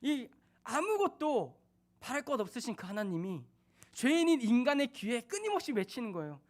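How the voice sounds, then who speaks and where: A man's voice: extremely high pitch, wildly swooping pitch, normal speed. A man in his thirties, a junior pastor, preaching a sermon in a church in a conversational way, asking questions of the congregation. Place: church sanctuary.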